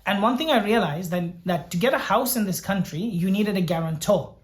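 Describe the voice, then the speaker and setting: In a high, animated voice and brisk delivery, a young Sri Lankan doctor shares his story in vlog form. He is sincere and reflective, frequently repeating himself while thinking aloud.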